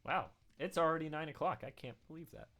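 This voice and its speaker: A man's voice: fairly high pitch, quick pace, bright, forceful tone. A man chatting casually as he hosts a gaming stream and reads viewer comments. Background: game music.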